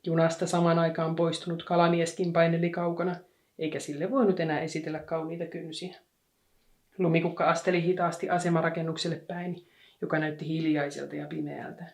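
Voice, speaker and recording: Woman calmly reading a children's story. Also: on the low side. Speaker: audiobook reader.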